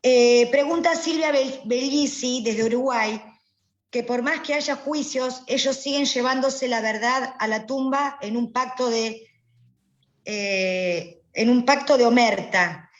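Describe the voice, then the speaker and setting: A woman moderating an online panel and reading audience questions aloud over a low-quality video call stream. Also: slow. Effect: low-quality video call audio. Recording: muffled, echoey video call audio.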